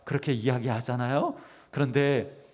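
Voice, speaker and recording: A man's voice: medium pitch, steady tone, moderate pace, darkish tone. A man preaching as pastor to his congregation, asking them questions and acting out short quoted voices. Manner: teaching with call-and-response questions to the congregation; acts out quoted voices with rising emphasis. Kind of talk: sermon.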